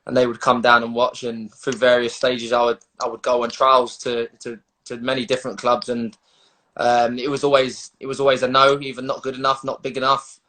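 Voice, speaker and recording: A man's voice: medium pitch, monotone, a little fast, pushed and bright, poor audio. A man with a London accent talking casually as an interviewed footballer, matey and slangy with hesitant phrasing, on a video call. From London, England.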